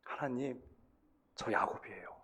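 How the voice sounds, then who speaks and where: A man voicing a biblical man who tearfully confesses to God in a soft, hushed voice. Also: mid-range voice, a little slow, breathy edge. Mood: tearful confession.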